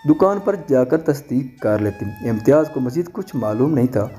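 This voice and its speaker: A man's voice: mid-range voice, animated, natural voice. A man reading a sick, worried young woman. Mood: anxious. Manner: soft, tired pleading.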